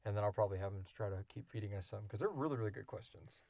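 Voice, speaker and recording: Talking rapid-fire with vocal fry, a man with a fairly low, slightly mellow voice co-hosts the podcast he co-created. It's a casual, unscripted Q&A where he rambles informally through explanations, and there's no echo.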